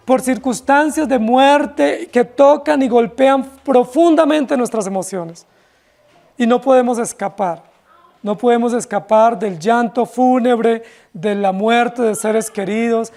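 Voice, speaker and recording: A man, a pastor, giving an expository sermon in a church, with impassioned, drawn-out wailing cries and rhetorical questions. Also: extremely high pitch, darkish tone. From Colombia.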